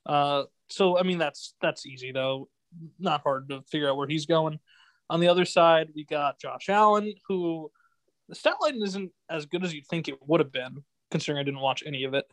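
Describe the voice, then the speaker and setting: A man's voice: on the high side, moderate pace, fairly bright tone, no echo, low-quality recording. Laughing young man hosting a sports podcast. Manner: laughs often, rambling with restarts. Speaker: podcast host. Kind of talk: casual sports podcast chat.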